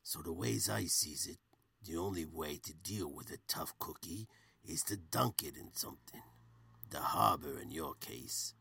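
A man voicing a menacing middle-aged mob boss who talks in a slow, streetwise gangster drawl in a comedic audio story. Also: rumbling low, vocal fry, pushed and bright, breathy edge, no room sound, voice pushed down, heavily acted.

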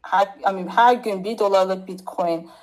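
A woman's voice: mid-range voice, measured pace, low-quality recording. Hesitant woman from Nigeria chatting. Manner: hesitant, searching for words in non-native Turkish. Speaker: interview guest. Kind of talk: casual interview chat.

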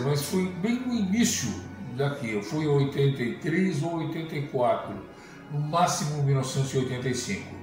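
Older male jazz host, interview reminiscence, echoey studio, music underneath. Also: medium pitch. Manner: thoughtful, hesitant.

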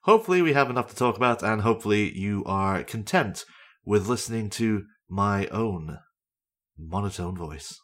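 A man's voice: fairly low pitch, lively intonation, normal speed, a bit bright. A young man hosting a podcast alone, chatting casually and rambling with lots of fillers and self-deprecating asides. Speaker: podcast host. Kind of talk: casual solo podcast chat about games.

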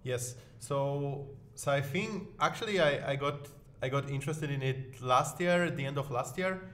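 A man's voice: mid-range voice, moderate pace, a bit bright. A man from Poland, a podcast guest who talks casually and often repeats a word as he starts a phrase. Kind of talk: casual interview talk.

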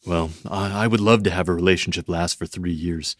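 A man's voice: deep voice, fairly even intonation, a little fast, dry recording, studio quality, close to an everyday voice. A man playing a clueless, apologetic ranch hand and former fireman in a comedy audio drama. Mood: earnest. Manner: hesitant, apologetic.

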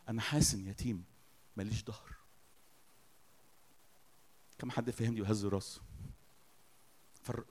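Preaching with an Egyptian Arabic accent, this medium-pitched man asks the congregation questions and supplies the answers himself. His delivery alternates between loud declarations and quiet, soft lines.

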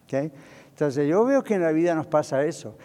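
A man preaching from the pulpit with a fairly high voice that carries a long hall reverb through the church. He is lively and conversational and switches into English phrases. He acts out little back-and-forth dialogues as he teaches. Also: moderate pace. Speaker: pastor. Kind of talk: sermon. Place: church sanctuary.

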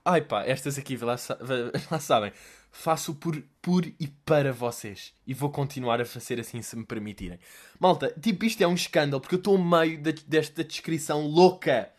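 A man's voice: a little high, normal speed. Sarcastic young Portuguese man. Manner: mocking, profane, laughing asides. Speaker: vlogger. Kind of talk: sarcastic commentary.

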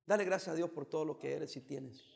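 A pastor from El Salvador giving a joking, teasing sermon with bursts of emphasis. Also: male voice, fairly high pitch, fast talker, creaky, darkish tone, big-room sound.

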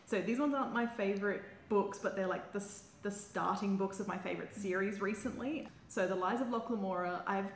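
A woman's voice: mid-range voice, brisk, hardly any pauses. Enthusiastic woman in an echoey room. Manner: gushing, enthusiastic. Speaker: podcast panellist. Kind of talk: casual book chat on a podcast. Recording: roomy echo, faint background noise.

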